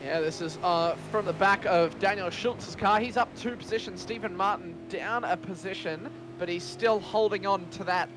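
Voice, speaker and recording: A man's voice: high-pitched, normal speed, hardly any pauses, over music. A man giving play-by-play motorsport commentary on an online sim race, as a race commentator does. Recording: constant car engine noise. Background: race cars and engine noise.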